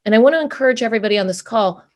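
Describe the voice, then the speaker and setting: A woman's voice: fairly high pitch, rapid-fire, a little mellow. Effusive woman co-hosting a video panel. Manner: enthusiastic, effusive. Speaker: co-host of a panel. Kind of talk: closing remarks on a video call panel. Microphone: video call.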